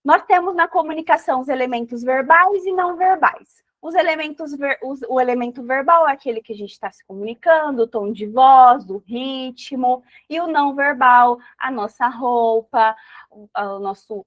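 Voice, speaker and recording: A woman's voice: sits high, moderate pace, dry recording, lo-fi sound. A woman mentor teaching a live online class, encouraging and asking her listeners reflective questions.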